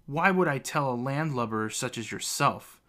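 A man's voice: medium pitch, lively intonation, a little slow, a bit bright. A mocking shark-toothed merman raider, voiced by a man. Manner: mocking, taunting. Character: sneering male merman raider with shark teeth.

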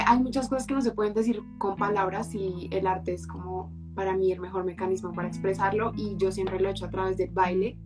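A woman's voice: mid-range voice, low-quality recording. A young woman in her twenties with a Colombian accent, speaking thoughtfully as a guest, with hesitant fillers. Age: 20s. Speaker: guest, dancer. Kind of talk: live-stream interview.

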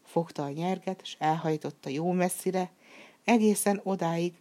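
Low-voiced woman reading a fairy tale. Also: warm tone. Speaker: storyteller.

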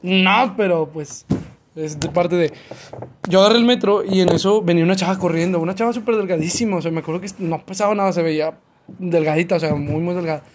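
Young Mexican man, rapid high-pitched storyteller, slangy, faint noise behind. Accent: Mexican Spanish. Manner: fast, slangy, makes sound effects and voices. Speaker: podcast co-host telling a story. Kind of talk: casual chat, storytelling.

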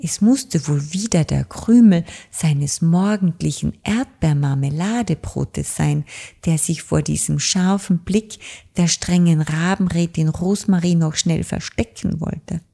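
A woman narrating a children's audiobook in a calm, gentle storytelling manner. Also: sits low, a little slow, vocal fry, husky.

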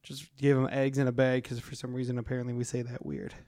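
A man's voice: medium pitch, flat delivery, darkish tone, no echo, studio quality. A man from Wisconsin with a Wisconsin accent, co-hosting a podcast in casual, teasing chat and laughing often. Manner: bantering, quick to laugh, teasing. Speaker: podcast co-host.

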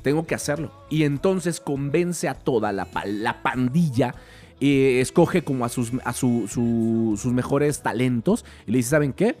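A man with a Mexican accent retelling a film in an animated, chatty way, full of fillers. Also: mid-range voice, unhurried, faint music behind. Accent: Mexican Spanish. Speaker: film commentator.

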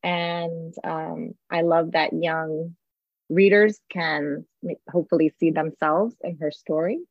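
A woman's voice: low voice, fairly even intonation, slow, no room sound. A woman moderating a panel, speaking in a friendly, hesitant way with many "um"s. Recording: dull, dry sound.

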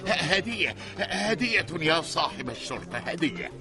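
An actor playing a bossy but easily cowed carpet seller in a theatrical comedy drama, barking and flustered. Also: male voice, a little high, sing-song, moderate pace, a crowd in the background.

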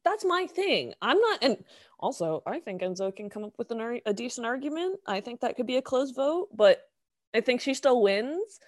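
Young adult woman, podcast co-host, animated casual talker, higher voice with lots of pitch movement. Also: moderate pace, no echo, studio quality. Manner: animated, swearing, laughing easily. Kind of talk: casual chat.

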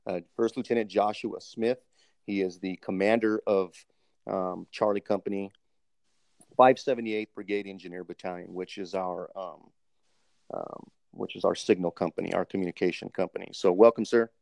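A man's voice: low-pitched, fairly even intonation, normal speed, gravelly, darkish tone, dry recording. A man hosting a podcast interview, polite and formal, with many ums, calling his guest sir. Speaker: host, military doctoral student interviewer. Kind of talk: casual interview, recorded podcast segment.

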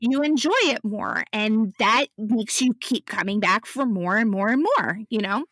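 A woman's voice: mid-range voice, measured pace, a bit bright. A woman co-hosting a casual travel chat, storytelling and filling her talk with "you know.". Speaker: podcast co-host.

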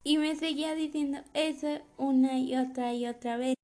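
A woman's voice: sits high, steady tone, moderate pace, darkish tone. A young woman, hosting a podcast and telling a personal story in a chatty, casual way, laughing as she talks. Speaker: podcast host.

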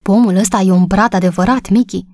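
A woman's voice: mid-range voice, fairly even intonation, darkish tone, dry recording, clean studio sound, natural voice. A woman doing a small, curious little boy.

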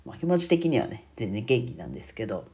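Man, nasal congested voice, stuffed-up cold, casual solo streamer talk, medium pitch. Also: very animated, fast talker, a little mellow. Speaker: bookkeeping YouTuber and streamer.

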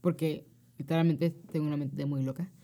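A woman's voice: low-pitched, brisk. A young Mexican woman co-hosting a podcast, telling stories in casual, slangy chat. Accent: Mexican Spanish. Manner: slangy, animated storytelling. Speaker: podcast co-host.

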